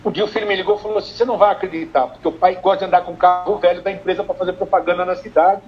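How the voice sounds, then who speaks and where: An older Brazilian man, a family business consultant, telling lively stories in a live-streamed interview and acting out the dialogue. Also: high-pitched, racing, soft background music. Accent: Brazilian Portuguese. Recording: dull lo-fi stream, faint noise.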